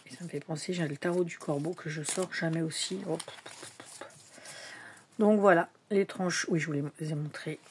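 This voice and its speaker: Casting: woman, lowish voice, casual hesitant show-and-tell chatter, faint room noise. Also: fairly even intonation, normal speed, darkish tone. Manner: chatty, hesitant, many fillers, drops to whispers at times. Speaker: tarot deck collector showing decks.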